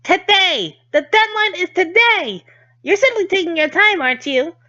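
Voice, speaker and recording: A man's voice: very high-pitched, expressive, normal speed, pushed and bright, lo-fi sound, pitched above the performer's own voice, exaggerated voice. A man voicing a bubbly schoolgirl who relays a strict student council president's lectures in a bossy, emphatic way. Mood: scolding.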